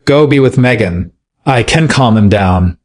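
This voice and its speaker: A man's voice: mid-range voice, expressive, a little slow. A fragile clingy young woman, voiced by a male narrator. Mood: pleading.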